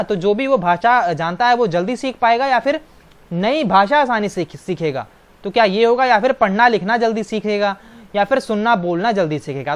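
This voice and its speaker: Brief: male exam-prep tutor, patient explainer with constant tag questions. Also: sits high. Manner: explanatory, keeps adding "right?" tag questions. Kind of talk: online exam-prep lecture.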